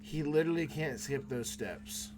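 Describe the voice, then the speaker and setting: A man's voice: a little high, lively intonation, moderate pace, darkish tone. A man chatting casually as a player in a tabletop game. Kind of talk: casual chat. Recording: noisy room ambience.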